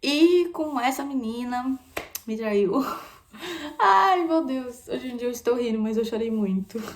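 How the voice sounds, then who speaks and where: A young woman from Brazil chatting candidly in a casual vlog, repeating phrases and dropping into soft asides. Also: a little high, normal speed. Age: young adult. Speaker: vlogger. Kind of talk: casual confessional chat.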